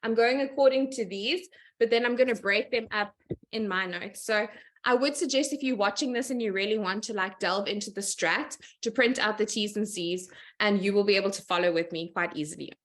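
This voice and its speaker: Chatty, upbeat woman presenting over a video call; middle pitch, laughs between points. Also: a little fast. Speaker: guest speaker, sales team leader.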